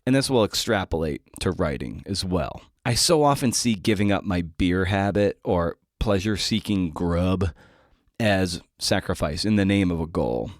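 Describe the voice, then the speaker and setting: Recorded in a clean studio with no room sound, a man in his forties talks through a reflective solo podcast episode. His voice sits low and moves at a moderate pace as he thinks aloud, casual and self-questioning.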